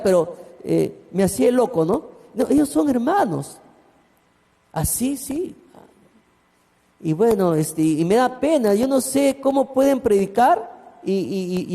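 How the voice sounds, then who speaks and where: A man's voice: high-pitched, dark tone. A man, a pastor preaching a sermon and telling a story with asides to his congregation. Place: church hall. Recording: long church hall reverb.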